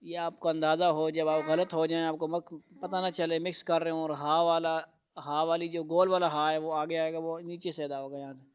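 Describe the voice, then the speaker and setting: A man teaching a Quran reading lesson in a classroom, patiently calling out letter sounds loudly and explaining how each one is made. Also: fairly high pitch, flat delivery, dull audio. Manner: patient, repeats letters loudly for students to echo.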